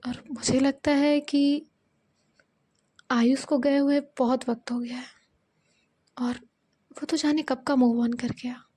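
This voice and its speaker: A caring young best friend with a high voice who speaks frankly and coaxingly, read by a woman narrator. Her tone is mellow rather than bright. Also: level tone, slow pace, long pauses, husky, heavily acted. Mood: advising. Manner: coaxing, advising.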